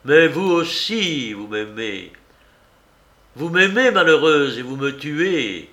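A man voicing a proud, impoverished young nobleman who pleads with earnest passion, in a slow and creaky voice. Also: medium pitch, a bit bright. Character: poor young nobleman, proud and ardent lover.

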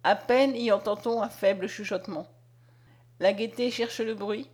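A woman reading a literary tale aloud with expressive, dramatic storytelling. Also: mid-range voice, normal speed. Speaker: audiobook reader. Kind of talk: literary narration read aloud.

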